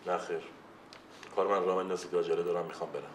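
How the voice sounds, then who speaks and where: A man playing a deep, flat, gruff airport manager. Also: echoey room, over music, close to an everyday voice. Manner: blunt and demanding. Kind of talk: sitcom acting. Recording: distant mic with room noise.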